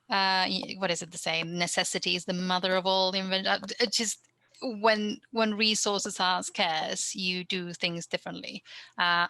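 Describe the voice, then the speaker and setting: A woman's voice: on the low side, bright, forceful tone, dry recording. A woman from Argentina, speaking as a researcher on a video-call panel, thoughtful and full of restarts. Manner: thoughtful, hedging, frequent restarts. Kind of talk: conference panel discussion.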